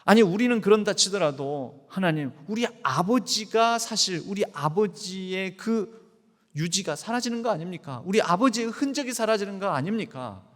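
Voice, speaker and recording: A man's voice: sits high, expressive, normal speed. A man voicing pleading, aggrieved daughters. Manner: loud, rising, pleading. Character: five grieving daughters pleading their case. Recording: long church hall reverb.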